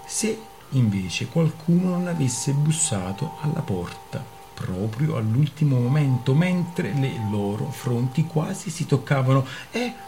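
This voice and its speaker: A man reading a novel aloud on the radio with expressive, theatrical storytelling. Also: medium pitch. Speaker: radio reader.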